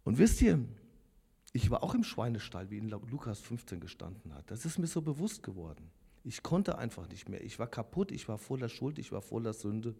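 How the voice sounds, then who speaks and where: A lay preacher in his fifties speaks briskly to his congregation, giving an earnest, confessional personal testimony. His lowish voice is mellow, creaky and slightly rough, with big pitch swings, and long hall reverb surrounds it.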